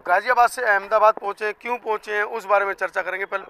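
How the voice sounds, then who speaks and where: A male field reporter speaking outdoors in front of a hotel, briskly prompting guests to introduce themselves. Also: high voice, steady tone, bright, forceful tone, smooth, low-quality recording. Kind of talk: field reporting and short interviews.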